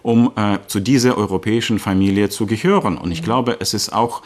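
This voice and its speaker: Low-voiced man from Ukraine, earnest. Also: fairly quick. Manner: earnest, fluent with frequent hesitations. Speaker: guest politician. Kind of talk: political talk show interview.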